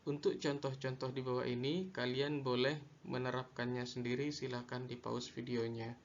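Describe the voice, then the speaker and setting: A man teaching a lesson on Quran recitation rules, slow and deliberate, repeating each definition. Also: medium pitch, level tone, dull audio. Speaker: religious studies teacher.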